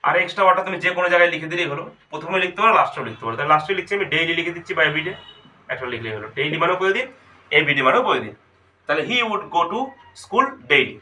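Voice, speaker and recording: Quick, bright-voiced male teacher. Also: high voice. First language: Bengali. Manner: explains step by step, asks students questions. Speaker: English teacher. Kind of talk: spoken grammar lesson.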